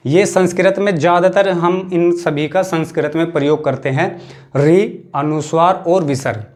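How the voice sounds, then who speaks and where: A man with a fairly high voice lectures as a Hindi teacher, in a western Uttar Pradesh accent. He explains patiently, slowing down and repeating each key term so students catch it. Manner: explanatory, repeats key terms, slows for emphasis. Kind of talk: classroom lecture.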